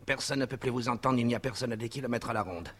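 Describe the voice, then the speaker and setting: A man's voice: medium pitch, rapid-fire, natural voice. A man playing a lovesick, violent kidnapper. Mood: threatening. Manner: menacing, switching into shouting fits; drops English phrases into his talk. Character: obsessed, violent male kidnapper, lovesick and threatening. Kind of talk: radio drama acting.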